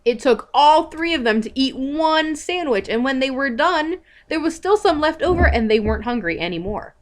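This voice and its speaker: A young woman telling a made-up story to a small child, slowly and expressively, stopping to ask questions. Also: high-pitched, lively intonation. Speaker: parent telling a bedtime story.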